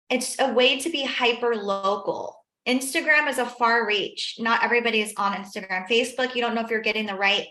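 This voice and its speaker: A woman's voice: fairly high pitch, pushed and bright. A woman realtor giving casual advice on a video call, animatedly telling stories and acting out small conversations. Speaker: realtor sharing tips. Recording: roomy, echoing video call audio.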